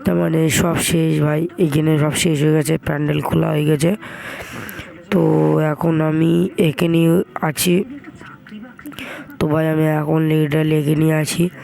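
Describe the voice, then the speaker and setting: A hoarse young man, chatting casually to viewers as he vlogs and calls them brother. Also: on the high side, a little mellow, rough recording. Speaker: vlogger. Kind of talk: casual vlog narration.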